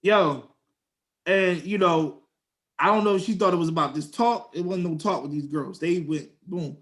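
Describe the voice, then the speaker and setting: Animated Philly man telling a story. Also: sits high, normal speed. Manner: animated storyteller, slangy, acts out quotes in a raised voice. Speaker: podcast co-host. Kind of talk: casual storytelling chat.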